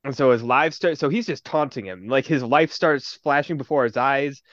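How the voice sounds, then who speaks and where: A young man co-hosting a casual podcast chat, animated and laughing often, swearing as he retells a film scene. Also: medium pitch, normal speed, no room sound, dull audio. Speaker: podcast co-host.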